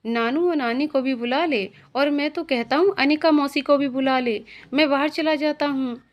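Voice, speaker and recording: A woman's voice: sits high, normal speed, close to an everyday voice. A woman voicing a teasing young husband. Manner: teasing, mock-grumbling.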